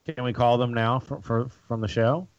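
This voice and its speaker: Podcast host, man, mid-range voice, relaxed question-asker, dry close sound. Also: mid-range voice, moderate pace, no echo, highs cut off. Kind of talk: casual podcast chat.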